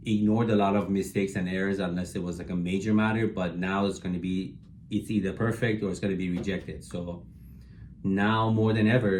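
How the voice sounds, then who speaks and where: Deep-voiced male immigration attorney. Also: a little mellow, slight background noise. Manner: measured and practical, with frequent fillers; hedges his predictions as opinion. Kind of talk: explanatory talk to camera.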